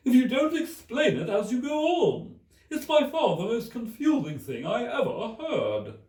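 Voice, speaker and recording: In an echoey room, a mournful turtle creature drags out each plaintive word. The voice is mellow and swoops up and down, easily wounded, as in a storybook tale. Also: male voice, extremely high pitch, huge pitch swings, pitched above the performer's own voice, full character voice. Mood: querulous, puzzled. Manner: slow, drawn-out, plaintive delivery. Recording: echoey room, distant mic.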